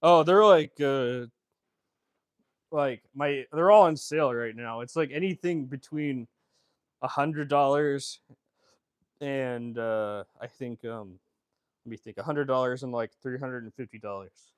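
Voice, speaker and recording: A man's voice: medium pitch, a little slow, clean tone, no echo. A man chatting casually on a livestream, rambling with many fillers and answering viewer comments. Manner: rambling, lots of fillers and restarts. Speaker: fashion designer streamer.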